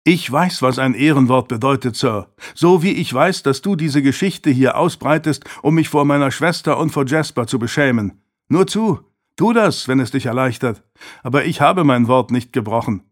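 A man's voice: medium pitch, normal speed, close to an everyday voice. A man reading as a sarcastic teenage boy. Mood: defiant. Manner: sarcastic, defiant. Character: sarcastic defiant teenage boy, nearly fifteen. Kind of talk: audiobook character voice.

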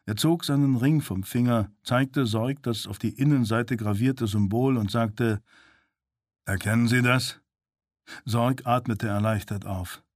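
A man reading a thriller audiobook in measured, even storytelling narration. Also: medium pitch, no room sound, studio quality. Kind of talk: scripted narration.

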